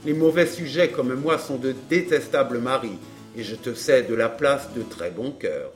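A man's voice: mid-range voice, a little slow, faint music behind, close to an everyday voice. A man reading a wry, easygoing rogue. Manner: wry, offhand. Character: breezy, wry rogue friend.

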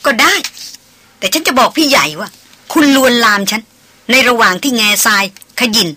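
A woman's voice: medium pitch, fairly quick, sharp tone, husky. Woman reading as a passionate young heiress. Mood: defiant. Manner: emotional, pleading then defiant. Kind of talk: audiobook novel reading.

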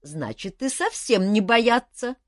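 A woman's voice: fairly high pitch, expressive, dry recording, studio quality, pitched above the performer's own voice. A woman voicing a curious, childlike female dragon who speaks in broken sentences. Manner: broken grammar, slow wondering questions.

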